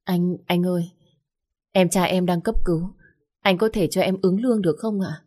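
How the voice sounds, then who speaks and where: A woman's voice: fairly low pitch, moderate pace, mellow, natural voice. A woman voicing a worried young waitress who speaks politely and urgently. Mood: pleading.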